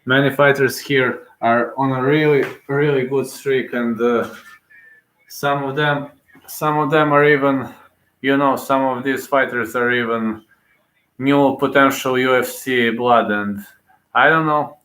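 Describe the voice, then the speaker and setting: Male fight streamer, casual and rambling, mid-pitched, echoey room. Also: fairly even intonation, measured pace, fairly bright tone. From Serbia. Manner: rambling, hesitant, repeats himself. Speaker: fight commentator streaming live. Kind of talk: casual live commentary answering chat.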